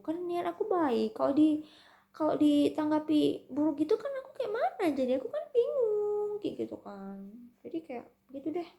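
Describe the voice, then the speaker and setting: Chatty young woman with gravelly voice. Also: high-pitched, mellow. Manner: chatty, mixes in English and German words. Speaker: vlogger. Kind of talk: casual storytelling vlog.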